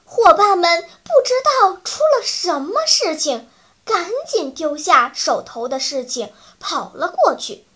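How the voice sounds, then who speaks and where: A woman narrating a children's story in an animated, playful way. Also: very high voice, slow pace.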